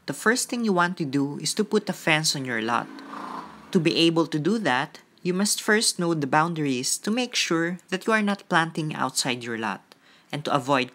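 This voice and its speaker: A woman's voice: low-pitched, fairly bright tone. A woman hosting a gardening vlog, narrating outdoors on a farm lot in a friendly, explanatory way. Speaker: gardening vlogger.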